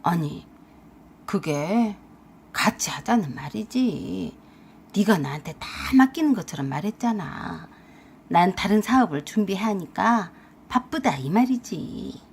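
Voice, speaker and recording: Woman doing a lower-voiced whiny scheming husband. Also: animated, a little slow, darkish tone, a little hiss or hum. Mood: defensive. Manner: wheedling, defensive.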